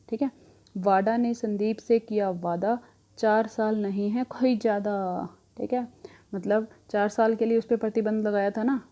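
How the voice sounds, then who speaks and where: A woman's voice: medium pitch, dark tone, highs cut off. A young woman teaching current affairs, asking questions and answering them herself, with rhyming memory tricks. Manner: asks a question, then answers it herself, repeating.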